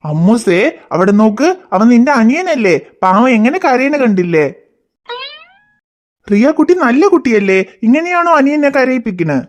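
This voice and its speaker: A patient, gentle cartoon father, voiced by a woman who coaxes and reasons with his children. The voice sits somewhat high and stays calm and firm. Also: normal speed, lo-fi sound. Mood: coaxing. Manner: coaxing, explaining patiently. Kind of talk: cartoon voice acting.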